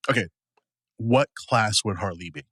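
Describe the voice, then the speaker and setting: A man's voice: fairly low pitch, unhurried, fairly bright tone, no room sound. A man co-hosting a casual podcast chat, a bit tipsy and slurring slightly, rambling with many restarts and fillers. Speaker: podcast co-host.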